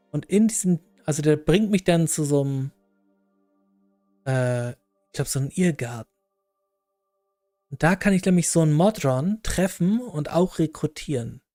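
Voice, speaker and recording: A man commenting casually on a game he is playing, chatty and quick in bursts. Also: fairly high pitch, mellow, dry recording. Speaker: let's player.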